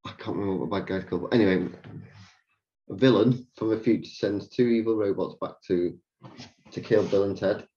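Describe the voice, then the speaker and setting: A father hosts a film podcast in relaxed casual chat, recapping plots at an easy pace. His voice sits very low and warm. The recording sounds a little dull and lo-fi. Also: fairly quick, a little hiss or hum. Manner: easygoing, explains and recaps films.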